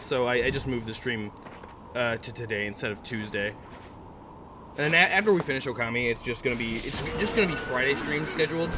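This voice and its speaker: A male streamer rambles casually at a mid pitch while he plays a game, stopping often to answer his chat. Game music plays clearly behind his voice. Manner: rambling, chatty, talks back to chat. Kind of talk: casual let's-play chat.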